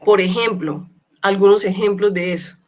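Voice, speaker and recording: A woman's voice: medium pitch, darkish tone, lo-fi sound. Woman lecturing an online class. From Colombia. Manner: checks in often with students, repeats key words slowly. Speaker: university lecturer.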